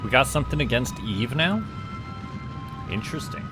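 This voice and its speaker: Talking to a live chat while he plays a space simulation game, this Canadian-accented man keeps his gameplay commentary casual. He's very animated, speaks at a normal speed in a medium pitch, and music plays in the background.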